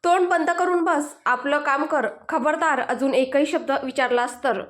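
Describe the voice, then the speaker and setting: A woman's voice: high-pitched, normal speed, close to an everyday voice. A woman voicing an irritable young man who scolds and snaps in a storybook tale. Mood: annoyed. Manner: snappish, scolding. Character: irritable young man, secretly scared, gruff.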